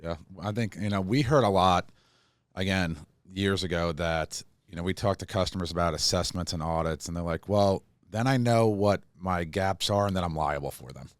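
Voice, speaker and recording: Deep smooth-voiced podcast host man. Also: normal speed, no room sound. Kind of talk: podcast interview.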